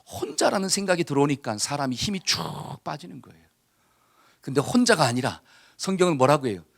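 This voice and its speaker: A man's voice: a little high, very animated, fairly quick, creaky. A middle-aged male pastor preaching a sermon, leading the congregation in call-and-response and dropping to a whisper at times. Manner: drops to a whisper for inner voices.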